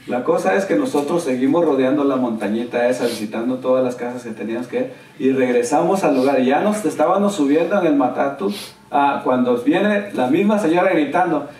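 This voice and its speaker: A man preaching a sermon as a pastor, telling a story and acting out what people said with an excited, animated delivery. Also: fairly high pitch. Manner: animated storyteller, quoting others with raised excited voice. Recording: roomy church sound, from a distance.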